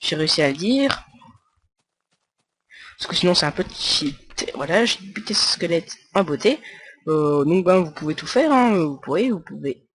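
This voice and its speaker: A man's voice: fairly high pitch, lively intonation, normal speed, fairly bright tone, a little hiss or hum. A man talking through a casual screen-recorded game tutorial, rambling and stumbling over his words with many fillers, and joking with his viewers. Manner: chatty and jokey with viewers. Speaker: tutorial maker.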